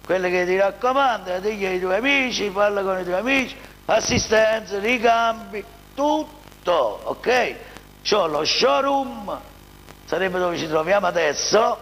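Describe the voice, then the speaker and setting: A man with a Neapolitan accent giving an insistent, colloquial infomercial sales pitch as a car dealer. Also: animated, unhurried, fairly bright tone. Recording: noisy hall with long reverb.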